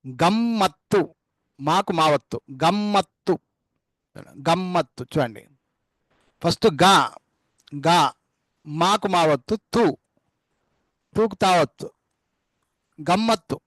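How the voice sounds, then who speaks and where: A man's voice: high voice, expressive, slow pace, pauses often, fairly bright tone, no echo. A man teaching a spelling lesson, repeating each word several times and spelling it out letter by letter. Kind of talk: classroom dictation lesson.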